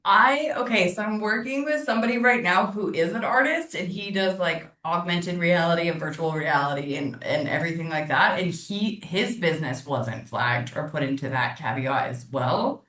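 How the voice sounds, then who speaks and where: A woman's voice: fairly low pitch, expressive, moderate pace, hardly any pauses, a bit bright. American woman consultant, giggly and chatty, roomy and off-mic. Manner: bubbly, says "like" a lot, laughs often. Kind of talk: casual group video call. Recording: roomy sound from far off the mic.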